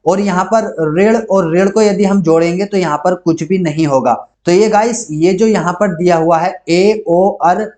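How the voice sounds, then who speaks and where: A man with a fairly high voice teaches an online grammar class. He works through every rule and example in the same patient, step-by-step way, speaking close to the mic. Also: darkish tone. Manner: methodical, repeats each rule step by step.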